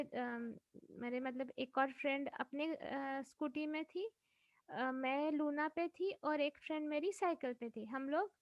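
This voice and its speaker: A woman with a high voice leads a spiritual teaching session, telling stories in an expressive, chatty way. The sound is dry and slightly dull, like a lo-fi recording. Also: no room sound. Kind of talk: teaching session with personal anecdote.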